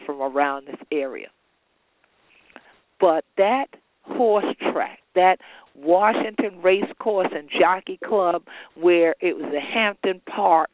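A man hosting a history talk, speaking in an emphatic, deliberate storytelling manner. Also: sits high, dry recording. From Gullah Geechee lowcountry of coastal South Carolina. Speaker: show host and heritage speaker. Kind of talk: spoken history talk to an audience. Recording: thin phone-like radio sound.

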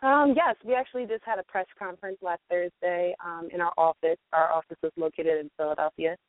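A woman's voice: lowish voice, steady tone, fairly quick, no room sound. Woman talking over a tinny phone line. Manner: chatty, with many ums and fillers. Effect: heard over a phone line. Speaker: guest from a music platform's marketing team. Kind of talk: phone-in radio interview.

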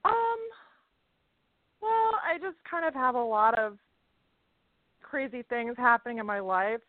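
A woman calling in to a radio show over the phone, talking hesitantly with lots of fillers and soft laughs. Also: on the high side, lively intonation, a little slow, dry recording. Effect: phone-line caller audio. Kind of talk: casual call-in chat. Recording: dry tinny phone line.

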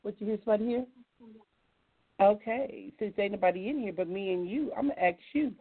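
Medium in pitch, a little fast and slightly rough, this American woman hosts a chatty live talk show and fields callers. Her questions come out informal and folksy, over thin, phone-like audio.

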